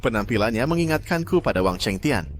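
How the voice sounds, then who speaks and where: A man's voice: mid-range voice, animated, brisk, slight background noise, lightly acted. A man dubbing a cruel, arrogant young clan heir who sneers and threatens. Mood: scornful. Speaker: villain. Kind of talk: dubbed drama acting.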